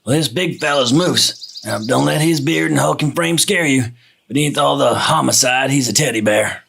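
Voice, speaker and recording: A man plays a laid-back, affectionate dude in a comic audio drama. His medium-pitched voice has a gravelly fry, with slight background noise. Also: moderate pace, fairly bright tone. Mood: easygoing.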